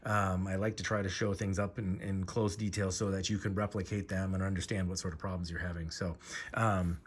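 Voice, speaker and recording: A man giving a casual hands-on tutorial, talking haltingly with fillers and restarts while he works. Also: low-pitched, flat delivery, slightly rough. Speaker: host demonstrating pistol disassembly.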